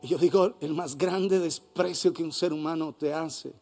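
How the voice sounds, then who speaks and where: A man with a Colombian accent preaching a sermon as pastor, swinging between hushed and loud passages. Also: fairly high pitch, normal speed, faint music behind. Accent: Colombian Spanish. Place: church hall.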